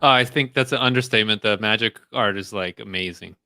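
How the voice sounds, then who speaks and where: A man's voice: fairly low pitch, fast, sharp tone, no room sound, studio quality. A man playing a tabletop game, chatting casually in a joking, informal way.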